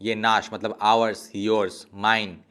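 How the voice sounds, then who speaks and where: A man teaching an online language lesson, explaining step by step and slowly drawing out example words to model their pronunciation. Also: on the low side, level tone, a bit bright, clean tone.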